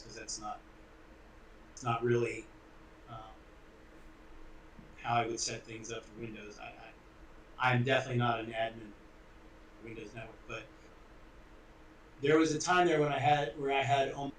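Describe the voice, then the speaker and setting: A man's voice: medium pitch, a bit bright. A man speaking as a guest in a casual technical chat, hesitant with many fillers, his mic cutting in and out so the volume keeps dropping. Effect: mic cutting in and out, uneven volume. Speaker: guest on a live call-in stream. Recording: echoey room, far from mic, faint noise.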